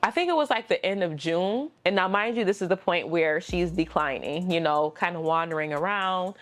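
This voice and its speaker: A woman's voice: fairly low pitch, moderate pace, fairly bright tone. A woman vlogger telling a personal story, candid and emotional, chatty with slang asides.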